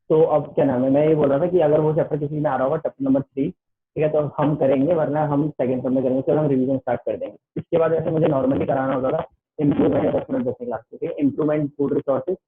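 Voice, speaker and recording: A man's voice: fairly high pitch, fairly even intonation, fast. A man tutoring students in a casual online class, rambling and repeating "okay" after nearly every phrase. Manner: repeats "ठीक है" constantly, loose and rambling. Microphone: online class call. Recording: tinny phone-line audio.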